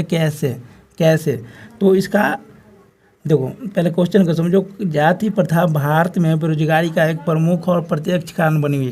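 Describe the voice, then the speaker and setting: High, gravelly Bihari Hindi teacher. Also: male voice, a little mellow. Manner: repetitive filler phrase, addresses students as friends. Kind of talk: exam-prep lecture.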